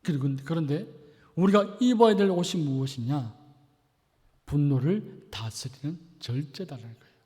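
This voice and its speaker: A man preaching a sermon as pastor, asking the congregation rhetorical questions and swinging between loud and soft. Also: a little high, animated, moderate pace. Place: church sanctuary. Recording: long reverb of a church hall.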